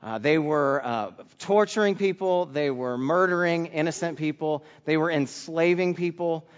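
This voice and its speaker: A man's voice: fairly high pitch, moderate pace, smooth. A man giving a sermon as a children's pastor, moving between personal testimony and Bible teaching. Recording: muffled sound in reverberant hall.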